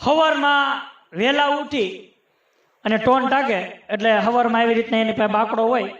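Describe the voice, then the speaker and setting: High-voiced man joking on stage. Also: steady tone, moderate pace, a bit bright, echoey room, highs cut off. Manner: chatty, teasing, addresses audience as sir; rhythmic recitation of rhyming sayings. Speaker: folk humorist. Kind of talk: stage folk comedy storytelling.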